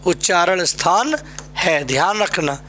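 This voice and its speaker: Slow, high-voiced Hindi teacher drilling. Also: male voice, bright, forceful tone, slight background noise. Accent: Uttar Pradesh Hindi. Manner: drills with repeated questions and answers. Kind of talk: exam-prep classroom lesson.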